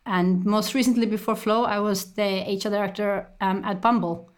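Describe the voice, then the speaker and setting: A woman in her thirties, originally from Estonia, speaking as an interview guest in a measured, articulate way with occasional ums and repeated words. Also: mid-range voice, fairly even intonation. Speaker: guest, company executive. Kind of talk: conversational interview.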